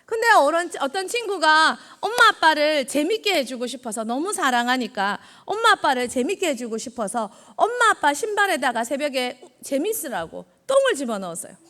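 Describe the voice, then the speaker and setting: Woman evangelist for a children's sermon. High, lively, quizzes the kids as she preaches. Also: fairly quick, few pauses. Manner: quizzes the children and echoes their answers; acts out God's words in quoted lines. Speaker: junior evangelist.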